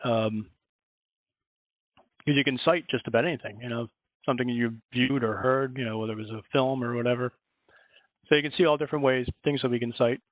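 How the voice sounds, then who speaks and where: A man's voice: medium pitch, fairly even intonation, a little fast, long pauses, no room sound. A man with a Philadelphia accent, a librarian giving a chatty, rambling workshop presentation on a video call. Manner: chatty, rambling, self-correcting. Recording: dry, tinny phone-like audio.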